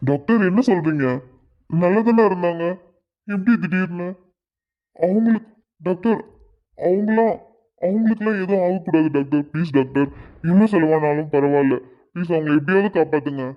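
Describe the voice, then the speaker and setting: A kind, protective middle-aged uncle in a cartoon, played by a man with a slightly high voice. He talks in a soothing, reassuring way, on dull lo-fi audio. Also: fairly quick, natural voice. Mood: worried. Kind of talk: Tamil cartoon voice acting.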